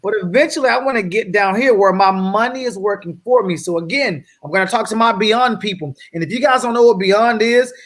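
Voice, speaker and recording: High-voiced man presenting slides. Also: brisk, hardly any pauses. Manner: energetic, checks in with "right?" often. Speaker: guest speaker on wealth building. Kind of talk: slide presentation to an online audience. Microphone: video call.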